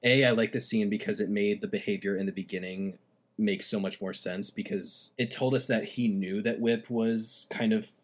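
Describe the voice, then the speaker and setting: Podcast co-host, man, lowish voice, opinionated and animated. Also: normal speed. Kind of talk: casual film review.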